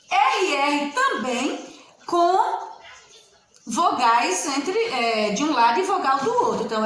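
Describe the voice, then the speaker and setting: Woman teacher, slightly high voice, slow and patient at the board; very roomy echo. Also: fairly bright tone, a little hiss or hum. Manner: slow, patient, repeats each word. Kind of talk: spelling lesson at a board.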